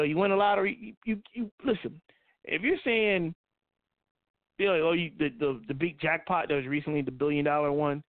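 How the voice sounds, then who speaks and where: A man's voice: a little high, no room sound. A man hosting a casual, profane commentary on the news, often repeating himself. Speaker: podcast host. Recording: tinny phone-like sound.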